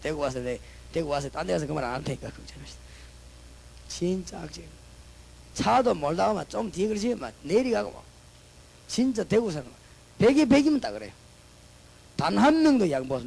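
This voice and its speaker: A male pastor with a Busan Gyeongsang accent, preaching a sermon and switching between loud proclamations and chatty, joking stories. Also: high-pitched, gravelly, slightly rough, rough recording. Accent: Gyeongsang (Busan) Korean. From Busan, South Korea.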